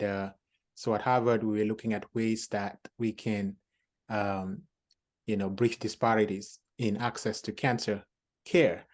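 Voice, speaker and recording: A man from Cameroon, founding director of a health program, explaining its background in a measured way with many fillers. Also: fairly low pitch, darkish tone. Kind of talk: panel conversation.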